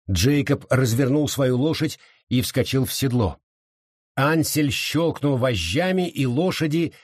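Male audiobook narrator, husky tone, lively expressive reading, dry close sound. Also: mid-range voice, no room sound. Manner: expressive reading, voices all characters. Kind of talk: scripted narration.

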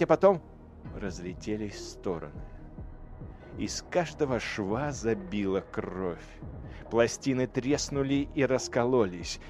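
A man's voice: mid-range voice, darkish tone. Dramatic male audiobook narrator. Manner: dramatic, swelling on violent passages.

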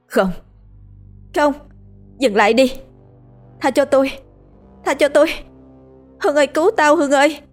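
A terrified young woman in a horror audio story, as a woman narrator puts her on, pitched high and tight with panic. She pleads and sobs as she talks. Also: normal speed, pauses often, soft background music, lightly acted. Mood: panicked pleading.

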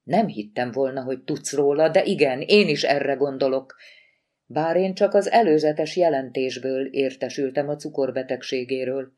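A woman reading an audiobook voices a wry, apologetic male pathologist with a lowered, sighing delivery. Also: mellow. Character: exasperated male forensic pathologist husband, wry.

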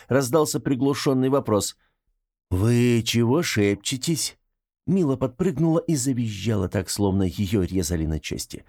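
A man narrating an audiobook with lively, expressive storytelling. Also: mid-range voice, no room sound, studio quality.

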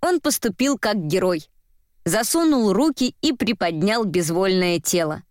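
A woman narrating a story in a wry, even storytelling manner. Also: medium pitch, a little slow, no echo, studio quality. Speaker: audiobook narrator. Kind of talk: scripted narration.

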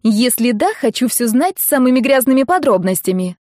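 A woman reading an audiobook, voicing the heroine's excitable, impatient young friend, loud and teasing. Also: fairly high pitch, brisk, no room sound, clean studio sound, voice pushed up, close to an everyday voice. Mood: brash excited.

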